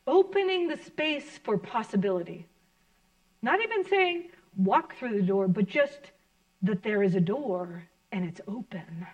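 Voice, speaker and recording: A woman minister giving a sermon to her congregation in an earnest, reflective, gently encouraging way. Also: on the high side, sing-song, unhurried, low-quality recording.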